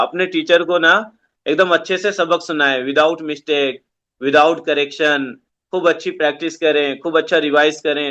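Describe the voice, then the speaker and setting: A man's voice: fairly high pitch, fairly bright tone, highs cut off. A man teaching an online Islamic studies class to children over a video call, giving simple, repetitive instructions.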